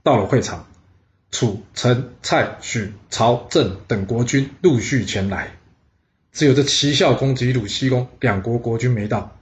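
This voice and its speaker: A male storyteller recounting history with a lively, chatty delivery, dropping in exclamations as he goes. His voice sits at a middle pitch. The recording is dull and lo-fi. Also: a little slow. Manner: lively, with interjections.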